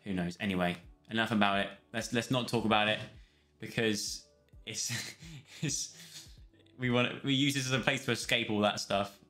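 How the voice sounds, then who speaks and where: A man's voice: fairly low pitch, steady tone, normal speed, bright, forceful tone. A young man chatting casually on a live stream, rambling between topics and thanking viewers. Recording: roomy sound with faint music.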